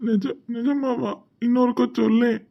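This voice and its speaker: A performer voicing a gentle young husband in a cartoon, with a Tirunelveli Tamil accent, asking anxious, quick questions. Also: mid-range voice, little pitch movement, creaky, lo-fi sound, close to an everyday voice. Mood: worried.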